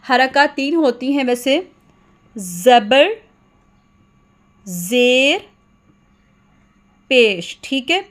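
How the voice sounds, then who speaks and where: A woman teaching a children's lesson at a whiteboard, patiently repeating sounds in slow sing-song chants. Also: high-pitched, fairly bright tone.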